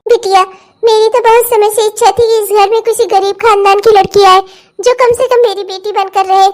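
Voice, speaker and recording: A shrill old cartoon mother-in-law. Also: fairly even intonation, a little mellow. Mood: doting. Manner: scolding, shrill, fast when angry. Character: loving but fiery old mother-in-law. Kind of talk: cartoon voice acting.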